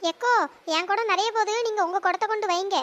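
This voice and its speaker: A performer voicing several quarrelsome village women arguing over water pots, with a pitch-raised cartoon voice. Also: steady tone, fast talker, fairly bright tone, dull audio. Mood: urging. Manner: quarrelsome, shrill village bickering. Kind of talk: cartoon village comedy voice acting.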